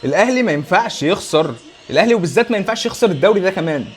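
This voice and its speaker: Fast, high-voiced Egyptian man reacting. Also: lively intonation. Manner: rapid, exasperated running reaction with repeated urgings. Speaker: football fan reacting to a match. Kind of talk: live match reaction.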